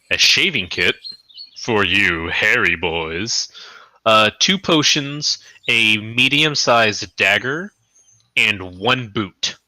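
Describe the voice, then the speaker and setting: A man serves as game master, listing loot and rules in a loose, rambling way with plenty of swearing. His voice is low-pitched but very bright and sharp, and it sounds dry and close. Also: no room sound. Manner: casual, swearing, rambling narration with fillers. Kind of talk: running a tabletop game over a live stream.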